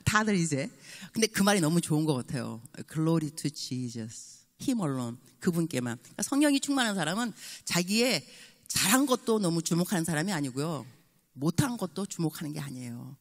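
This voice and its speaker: A woman in her sixties preaching a revival sermon as a guest pastor, lively and acting out little dialogues. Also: fairly low pitch, brisk, long reverb tail. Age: 60s. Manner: animated, mixes in English phrases and acts out dialogue. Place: church sanctuary.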